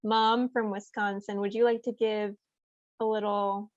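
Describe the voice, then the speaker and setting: Slow, wry young woman. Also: mid-range voice, level tone, no echo. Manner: laid-back, wry, laughs often. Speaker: podcast co-host. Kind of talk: casual chat. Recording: dry, dull lo-fi sound.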